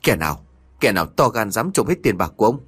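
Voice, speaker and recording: A greedy old miser bellows in rage over his stolen gold, as a male narrator puts him on. The voice drops low and gruff below the narration. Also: very animated, fast, a bit bright, heavily acted. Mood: furious. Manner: angry demanding.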